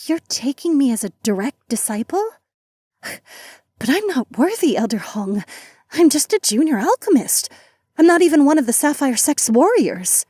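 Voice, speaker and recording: A humble, earnest young alchemist girl in a fantasy audiobook, read by a woman. Her voice sits a touch higher than the narration and is recorded dry and close. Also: normal speed, dark tone, no room sound, close to an everyday voice. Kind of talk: audiobook character voice.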